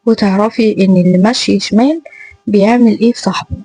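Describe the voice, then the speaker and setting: A woman with an Egyptian accent voicing a cold, threatening young male teacher who speaks harshly and with contempt, at a quick pace. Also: mid-range voice, mellow, breathy edge, no echo, close to an everyday voice, low-quality recording. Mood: contemptuous. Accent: Egyptian Arabic.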